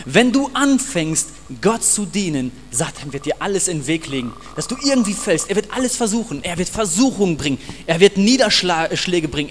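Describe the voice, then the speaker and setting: A man's voice: sits high, in a large hall. Passionate male pastor preaching. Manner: passionate, emphatic, addresses the congregation directly. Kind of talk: sermon.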